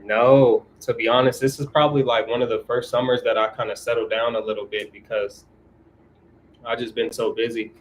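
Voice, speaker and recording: A man's voice: medium pitch, little pitch movement, brisk, slight background noise, low-quality recording. A man from California in casual livestream chat, laid-back and slangy, reading viewer comments aloud and answering them. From California, USA.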